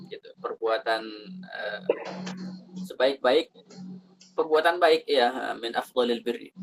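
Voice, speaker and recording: A man with an Indonesian accent teaching Quran recitation rules, reading Arabic lines and then explaining them slowly with many fillers. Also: fairly high pitch, a little hiss or hum, poor audio. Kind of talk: tajwid lesson explaining an Arabic text.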